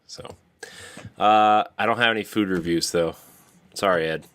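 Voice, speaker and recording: A man's voice: on the low side, measured pace, smooth. A man co-hosting a podcast in a casual, playful, joking way. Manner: playful, jokey, lively. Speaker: podcast co-host. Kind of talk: casual chat.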